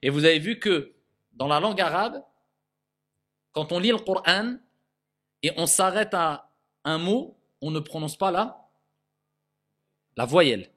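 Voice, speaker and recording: A man with a somewhat high voice teaches Quran recitation. He checks in constantly with his listeners and says each Arabic word slowly, again and again, as a drill. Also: animated, a bit bright. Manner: repeats Arabic words slowly to drill pronunciation; checks in with frequent "d'accord?" and "ok?". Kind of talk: tajwid lesson.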